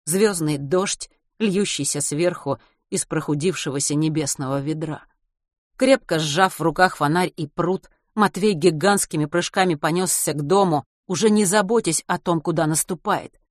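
Woman, audiobook narrator, steady storytelling, lowish voice, dry recording. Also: normal speed, no room sound.

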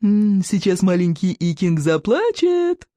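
A woman voicing a boastful, sneering Viking boy who jeers in slow, drawn-out taunts. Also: on the low side, expressive, darkish tone, dry recording, clean studio sound. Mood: mocking.

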